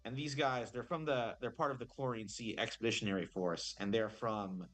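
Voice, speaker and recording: A man's voice: medium pitch, fairly even intonation, moderate pace, fairly bright tone, faint music behind. A man acting as game master, narrating a tabletop game in a rambling, improvised way, full of fillers and self-corrections.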